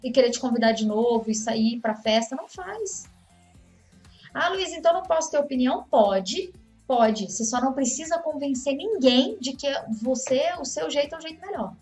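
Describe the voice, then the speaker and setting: High-voiced Brazilian woman giving advice. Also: expressive, moderate pace, hardly any pauses, a little mellow, soft background music. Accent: Brazilian Portuguese. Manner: conversational, acts out example dialogues. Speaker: course instructor. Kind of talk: motivational talk on communication.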